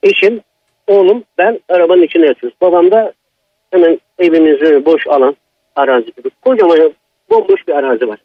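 A man phones in with his own horror story. His voice sits high and swings widely as he presses each point, with a husky edge. The phone line sounds dull and dry. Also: animated, brisk, no room sound. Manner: agitated, emphatic retelling. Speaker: caller. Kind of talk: telling a personal horror story.

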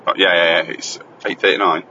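Chatty dad with a deep voice. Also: male voice, little pitch movement, fairly quick, sharp tone, highs cut off, a little hiss or hum. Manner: chatty, joking, teasing. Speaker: host and father on the school run. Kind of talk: casual chat while driving. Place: inside a car on the road. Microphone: phone voice recorder.

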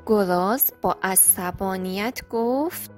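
A woman storyteller gently reading a children's story aloud. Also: mid-range voice. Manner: gentle, clear, friendly storytelling. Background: soft background music.

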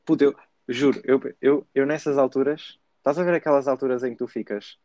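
A young man with a European Portuguese accent bantering casually as a podcast co-host, in slangy, animated storytelling. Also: mid-range voice, fairly quick, dry recording. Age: young adult. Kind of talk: casual banter between friends. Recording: slightly dull, dry close sound.

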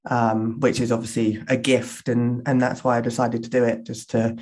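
A woman's voice: very deep voice, flat delivery, moderate pace, a little mellow. A woman in her thirties from southern England with a Home Counties accent, chatting casually as a podcast guest. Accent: southern English, Home Counties. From England, born in west London, grew up in Surrey. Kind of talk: casual chat.

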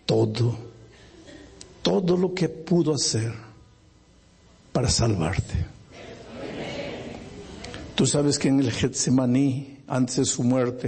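A man preaching a sermon, with dramatic, emphatic storytelling and a husky voice. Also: medium pitch, darkish tone.

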